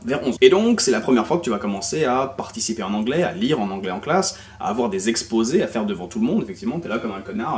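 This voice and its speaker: A young man from France talking casually to camera, animated and full of crude slang, as an au pair sharing language tips. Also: fairly low pitch. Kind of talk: casual vlog monologue. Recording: voice slightly distant from mic.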